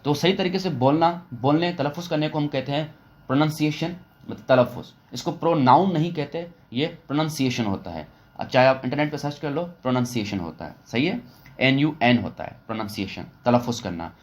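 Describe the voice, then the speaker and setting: A man's voice: medium pitch, expressive. Man patiently teaching phonics rules. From Pakistan. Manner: explains step by step, repeating rules and asking questions; slows down sharply to say English phrases. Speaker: English teacher. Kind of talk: online phonics lesson.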